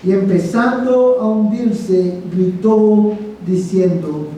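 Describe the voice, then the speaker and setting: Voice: mid-range voice, slow, mellow. Brief: fervent preacher, questions the congregation, recorded far off in a reverberant church with faint noise. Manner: emphatic, asks the congregation rhetorical questions; addresses listeners as brother. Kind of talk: sermon. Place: church sanctuary. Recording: echoey sanctuary, mic from far off.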